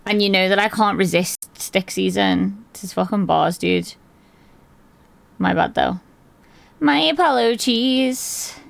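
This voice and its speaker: A woman streamer with a hoarse, gravelly voice chats casually with her live viewers from her desk, rambling and laughing often. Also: medium pitch, slow pace, dry recording. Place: at a desk indoors.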